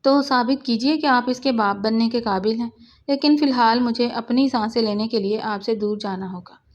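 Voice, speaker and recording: A woman's voice: fairly high pitch, close to an everyday voice. Storybook: bitter wronged young wife, read by a woman, firm and cold, dull lo-fi audio. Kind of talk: storybook reading of a novel.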